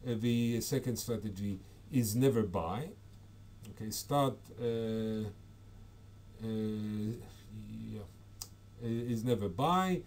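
A man's voice: lowish voice, warm tone, slight background noise. A man giving an academic conference talk over slides, hesitant, with frequent fillers and self-corrections. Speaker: conference presenter.

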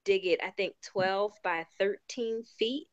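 A woman with a Baltimore accent, co-hosting a podcast in casual, animated chat. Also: medium pitch, slow, highs cut off. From Baltimore, USA. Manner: animated, exclaims and voices her own reactions. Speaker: podcast co-host.

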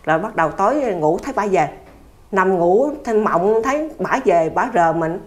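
A woman's voice: mid-range voice, expressive, moderate pace. An older woman with a Southern Vietnamese accent, telling a story in a plain-spoken, earnest, repetitive way as an interviewee. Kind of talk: casual conversational storytelling.

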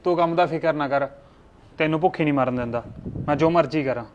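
A suspicious young husband in a village short film, played by a man. He talks fast and brushes people off, and the recording sounds dull and a bit distant. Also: on the high side, a little hiss or hum, close to an everyday voice.

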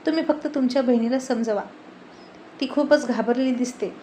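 A woman's voice: fairly high pitch, moderate pace, dark tone, slight background noise, lightly acted. A woman voicing a wounded young man who hides a bitter wish for revenge. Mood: humble. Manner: humble outwardly, bitter underneath.

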